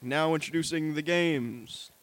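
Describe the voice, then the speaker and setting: A grandiose game show announcer, put on by a young man stretches every word out slowly. The voice sits a little higher than his normal talk and swells with showy importance. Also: fairly bright tone. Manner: slow, drawn-out, grandiose delivery.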